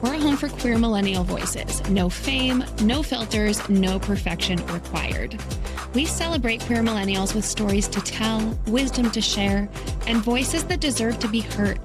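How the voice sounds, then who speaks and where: A woman's voice: on the high side, unhurried, music in the background. A millennial woman hosting a podcast, reading an upbeat, punchy scripted promo in a millennial podcaster delivery. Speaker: podcast host.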